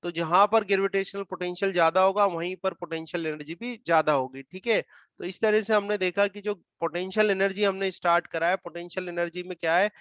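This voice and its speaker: A man with an Indian accent teaching physics, explaining slowly and repeating terms, dictating English definitions word by word. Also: sits high, steady tone, fairly bright tone, clear, resonant tone, dry recording. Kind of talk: classroom lecture. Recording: dull muffled dry sound.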